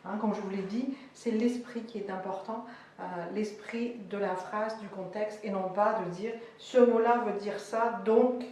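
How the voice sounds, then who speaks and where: A woman teaching a language lesson, explaining words slowly with many hesitations and fillers. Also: medium pitch, fairly even intonation, darkish tone. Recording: echoey room, voice far from mic, faint noise.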